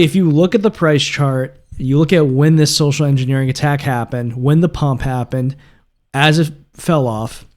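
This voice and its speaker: A man hosting a solo podcast, talking casually and rambling with many fillers. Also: mid-range voice. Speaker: podcast host.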